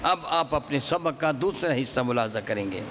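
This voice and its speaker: A man teaching a Quran recitation class, chanting example verses slowly and quizzing his students. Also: medium pitch, expressive, long reverb tail, background noise. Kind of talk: classroom religious lesson on recitation.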